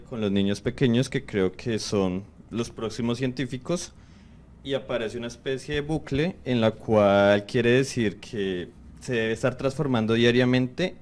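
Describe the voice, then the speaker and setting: A man's voice: medium pitch, a little mellow. A man doctoral student reflectively presenting his drawing to the class.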